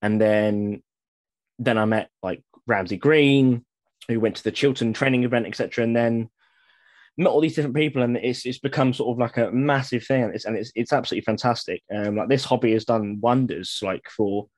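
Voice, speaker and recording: A man's voice: medium pitch, a little fast, a little mellow, dry recording. A man, a reenactor guest on a podcast, talking enthusiastically in a rambling way with many fillers. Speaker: guest, living history reenactor. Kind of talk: casual podcast chat.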